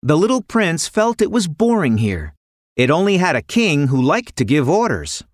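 Her voice sits low as she reads a children's story at an ordinary pace, full of lively, shifting intonation. It's an expressive, scripted performance recorded close and dry.

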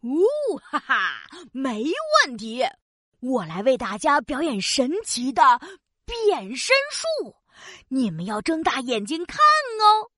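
A woman voicing a cheerful, excitable octopus magician in a children's audio story, with a theatrical, exclamatory manner. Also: high-pitched, slow, dry recording, clean studio sound, full character voice. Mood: cheerful showy.

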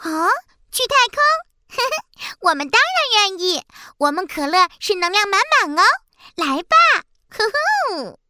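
Squeaky-high bubbly talking cola. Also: female voice, lively intonation, unhurried, bright, forceful tone, full character voice. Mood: bubbly, eager. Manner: gurgling, exclamatory. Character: bubbly, energetic, willing talking cola drinks. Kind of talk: children's audio story acting.

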